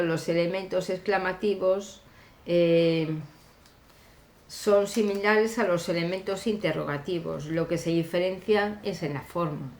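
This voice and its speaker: A woman teacher explaining grammar slowly and deliberately, pausing often with fillers. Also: lowish voice, darkish tone, echoey room, slight background noise. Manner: deliberate, hesitant with frequent fillers. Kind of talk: slow classroom grammar explanation.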